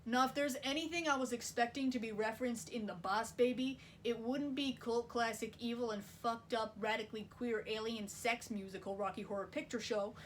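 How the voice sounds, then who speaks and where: A woman's voice: on the high side, steady tone, a little fast, few pauses, slight background noise. Wry woman recapping a movie. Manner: wry, sarcastic, casual swearing. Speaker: video essayist.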